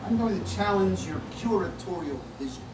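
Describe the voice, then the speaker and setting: A man's voice: high-pitched, expressive, moderate pace. An older man acting a wry, cautious yet defiant character in a staged play reading, heard in a theatre. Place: small stage in a club theatre before an audience. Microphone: distant audience camera. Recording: noisy, echoey theatre recording from far off.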